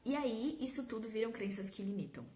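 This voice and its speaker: A young adult woman from Brazil giving a casual, animated talk to an audience, often acting out her own inner critic. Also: on the high side, brisk. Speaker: course host.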